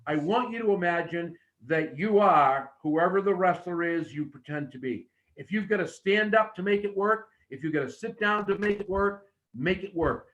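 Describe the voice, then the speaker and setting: Male wrestling promo coach, high-pitched, emphatic, short repeated instructions, demonstrating lines. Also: a bit bright, muffled recording.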